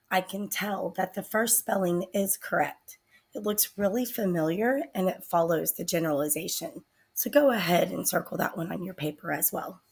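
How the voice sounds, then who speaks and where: A woman teacher talks through a spelling lesson at an unhurried, careful pace. Her voice has a gravelly edge and a slightly husky tone. She sounds out words deliberately for her students. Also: lowish voice.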